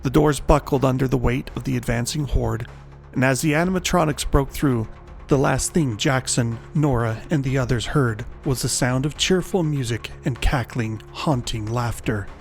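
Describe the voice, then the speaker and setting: Gravelly male horror storyteller. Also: mid-range voice, faint music behind. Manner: measured, dramatic storytelling. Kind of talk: scripted horror narration.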